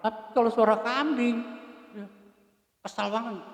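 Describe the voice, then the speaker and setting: A man giving an informal, joking religious talk, swinging from loud to hushed. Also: extremely high pitch, fairly even intonation, measured pace. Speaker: preacher. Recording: roomy hall with long reverb.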